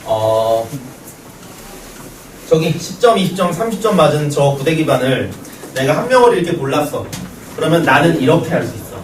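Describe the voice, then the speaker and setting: Joking with students and telling stories, a man delivers a math lecture in a slightly high, sing-song voice at normal speed, pausing often. Recorded with a distant mic in an echoey classroom, the audio carries a little hiss or hum.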